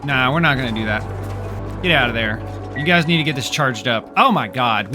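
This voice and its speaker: A man narrating his game as he plays, sarcastic and exasperated, grumbling at his characters. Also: medium pitch. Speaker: gameplay streamer. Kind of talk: exasperated gameplay commentary.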